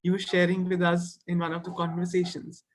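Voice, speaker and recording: A man hosting an interview, asking gentle, encouraging questions. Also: high-pitched, monotone, brisk. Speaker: host.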